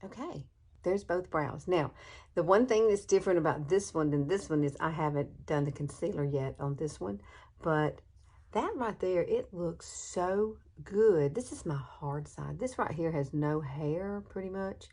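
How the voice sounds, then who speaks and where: Her voice is low, a little slow, and somewhat dark. A Southern woman in her sixties, she runs a makeup tutorial as a beauty vlogger, staying chatty and folksy with frequent laughter, all shot on a phone in her bedroom with no separate mic.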